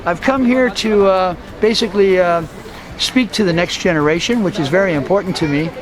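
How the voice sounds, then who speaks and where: High-voiced older man, rambling. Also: rough recording. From USA. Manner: unhurried, rambling, many uh fillers. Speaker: interviewee, street vendor. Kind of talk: casual storytelling interview. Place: outdoors on a town street. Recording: travel video with loud music bed. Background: loud background music.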